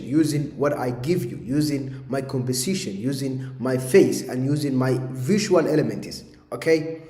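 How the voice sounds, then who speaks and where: A man's voice: on the high side, darkish tone. A man streaming a live coding session, talking his instructions to an AI assistant in a rambling way, with many fillers. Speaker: streamer building AI automations. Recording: echoey room with long reverb.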